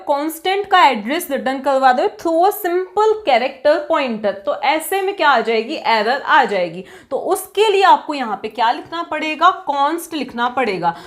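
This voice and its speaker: A woman explaining programming, constantly asking and answering her own rhetorical questions. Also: sits high. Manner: quizzes herself with repeated rhetorical questions. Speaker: programming teacher. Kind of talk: classroom-style coding lecture.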